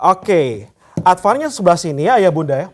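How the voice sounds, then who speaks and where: A man's voice: high voice, sing-song, moderate pace, a little mellow. A man speaking as an infomercial product specialist, explaining features directly to viewers and repeating his points.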